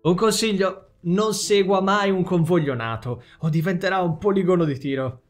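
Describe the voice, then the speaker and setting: A man voicing a joking school psychologist, pitched higher than his own voice. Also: moderate pace, lightly acted. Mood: wry.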